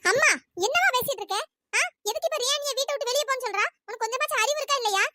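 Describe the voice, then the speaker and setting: A level-headed young cartoon woman, put on by the channel's performer who reasons firmly with her mother. Her voice is very high and quick, recorded dry. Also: pushed and bright, dry recording.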